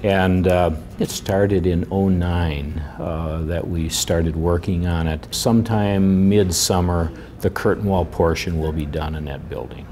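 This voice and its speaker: Male engineer, low mellow voice, calm, hesitant, faint music. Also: measured pace, few pauses. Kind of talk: interview for local TV feature.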